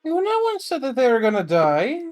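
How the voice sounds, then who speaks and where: A woman's voice: sits high, wildly swooping pitch, fairly quick, darkish tone, soft background music. A woman playing a tabletop fantasy game, chatting casually and swearing freely with the group.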